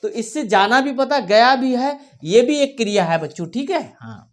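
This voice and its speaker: A woman teaching a children's workbook lesson, reading words slowly and repeating them for the class to follow, often checking in as she goes. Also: fairly high pitch, lively intonation. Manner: slow, repeats words for children to read along; checks in often with "theek hai". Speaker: primary school teacher.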